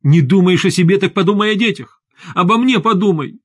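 A man reading an audiobook who voices a frightened wife, raising his voice high as she pleads and shouts. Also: animated, slow pace, slightly rough, no room sound, clean studio sound, exaggerated voice. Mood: shouting. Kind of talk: audiobook character voice.

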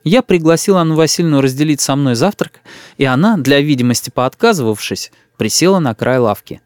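Expressive man reading a story. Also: fairly high pitch, a little fast, no echo, studio quality. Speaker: audiobook reader. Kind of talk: first-person story narration.

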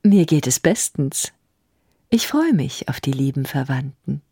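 A woman's voice: very deep voice, expressive, unhurried, breathy edge, heavily acted. A woman voicing a proud, vengeful queen who answers with cold, cutting scorn in an audiobook reading. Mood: sweetly false. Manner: scornful, sharp retorts. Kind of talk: audiobook character voice.

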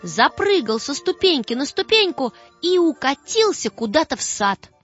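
A woman narrating a children's story in an expressive storytelling manner. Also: high voice, moderate pace. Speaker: audiobook narrator. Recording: dull dry recording with faint music.

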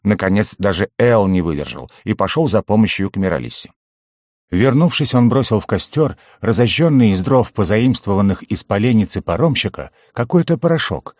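A man narrating a first-person fantasy audiobook with an expressive reading. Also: on the low side, no echo, clean studio sound.

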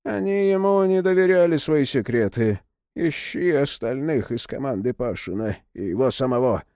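A man's voice: medium pitch, expressive, normal speed, dark tone, dry recording, clean studio sound, natural voice. A man voicing a cruel hunchbacked sorcerer monk with a muffled, nasal voice. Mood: contemptuous.

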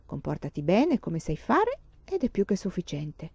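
A woman voicing a calm, firm frontier mother in a storybook reading, steady and measured. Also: fairly low pitch, vocal fry, husky, no echo, full character voice. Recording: dull lo-fi recording.

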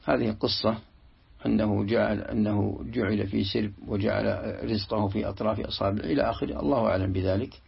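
Sheikh teaching tafsir, low gravelly husky voice, halting delivery with restarts, muffled lo-fi recording. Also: male voice, fairly even intonation. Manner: halting, repeats and restarts words while explaining. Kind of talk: classical Arabic tafsir lesson commentary.

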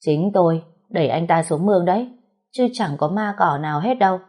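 A woman voicing a defiant young pregnant wife who barks orders in a shrill voice. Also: fairly quick, dark tone, natural voice. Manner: shrill, commanding.

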